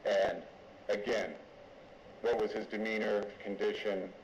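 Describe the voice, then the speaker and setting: A male lawyer conducts a formal courtroom examination in a deliberate, halting manner. His voice is on the low side. It echoes strongly in the room, and the recording is somewhat dull. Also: flat delivery, slight background noise. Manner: deliberate, halting step-by-step questioning. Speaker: lawyer questioning a witness.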